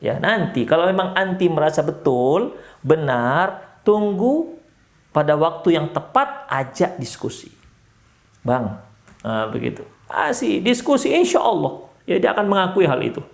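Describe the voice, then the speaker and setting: A male Islamic preacher from Indonesia with a Medan accent, giving a sermon in a mosque. He talks in an animated way, climbing sharply for emphasis and then dropping low and soft. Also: normal speed, vocal fry. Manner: animated, rises sharply in pitch for emphasis, drops low and soft when counselling.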